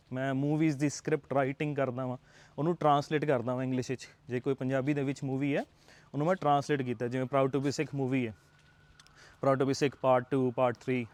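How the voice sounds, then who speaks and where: The young IELTS tutor's medium-pitched voice is darkish and flatly delivered at a fairly quick pace, with a Punjabi accent. Speaking to camera, he offers earnest, coaxing motivational advice and checks in using rhetorical tags.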